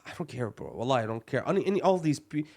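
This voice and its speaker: In a heated podcast discussion, a young co-host from Palestine pushes his arguments bluntly and with emphasis, peppering them with "bro" and Arabic expressions. He talks quickly and animatedly in a mid-range voice.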